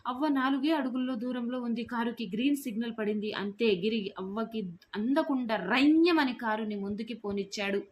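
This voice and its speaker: A woman at home telling a horror story aloud in an expressive, dramatic reading manner. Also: fairly high pitch, normal speed. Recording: faint background noise.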